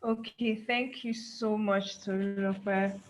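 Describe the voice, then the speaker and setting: A woman's voice: medium pitch, level tone, takes it slowly, poor audio. A woman hosting a webinar, politely thanking the guest and reading out audience questions. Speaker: webinar host.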